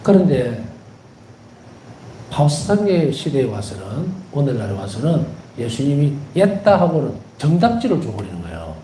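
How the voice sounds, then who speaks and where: Animated Korean priest, roomy echo. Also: male voice, mid-range voice, moderate pace, a little hiss or hum. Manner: animated, repeats key words for emphasis; tells anecdotes with gentle humor. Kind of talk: devotional lecture.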